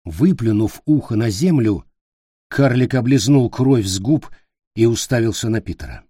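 Slow, husky male audiobook narrator. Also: lowish voice, mellow, no room sound, studio quality. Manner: measured storytelling. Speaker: audiobook reader. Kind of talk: scripted narration.

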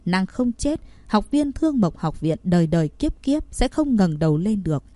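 A woman voicing a shadowy male assassin guild boss who speaks in a cold, scornful, husky tone, read from a storybook. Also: mid-range voice, big pitch swings, moderate pace, warm tone, no echo, natural voice. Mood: cold, scheming.

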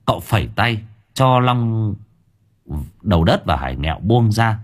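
Male audiobook narrator: very low, husky, lively delivery. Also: unhurried.

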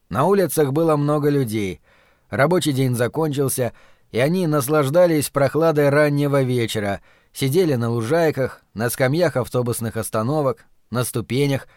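A man narrating an audiobook in a measured, even reading. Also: medium pitch, no echo, clean studio sound.

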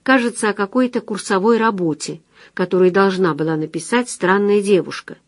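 A woman reading a novel aloud with calm, steady storytelling. Her voice sits in an ordinary middle pitch, recorded close and dry with no room sound. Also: a little fast, no echo. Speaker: audiobook narrator. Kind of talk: scripted literary narration.

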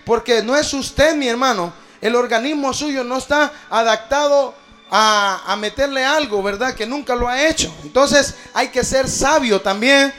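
A man's voice: extremely high pitch, fairly bright tone. A pastor preaching a sermon, calling his listeners brother and rising in force at times.

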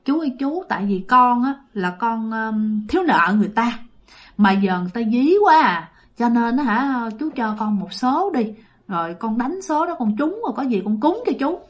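Meek young man pleading quietly, read by a woman. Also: high-pitched, big pitch swings, normal speed, few pauses. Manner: pleading, soft and deferential. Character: young man in debt, begging a ghost meekly.

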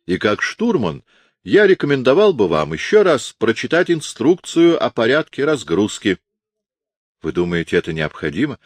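A man's voice: mid-range voice, sing-song, moderate pace, dry recording, voice pushed up. A man doing a pompous fake starship navigator. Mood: haughty. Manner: officious, lecturing.

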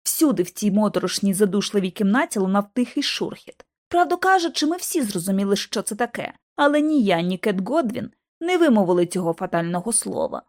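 A woman reading an audiobook narration in an expressive, dramatic manner. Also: medium pitch, fairly quick, few pauses. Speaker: audiobook reader.

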